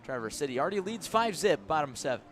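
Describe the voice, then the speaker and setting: Fast and sing-song, a fairly high-pitched man calls live baseball on the radio, painting the picture of each play and raising his voice when things happen. Outdoor ambient noise from the ballpark sits behind him.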